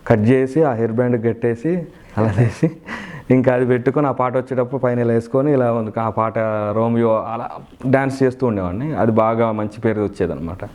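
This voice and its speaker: A young man, a mimicry artist, talking in a casual interview, earnest and lively, now and then breaking into loud high impressions. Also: brisk.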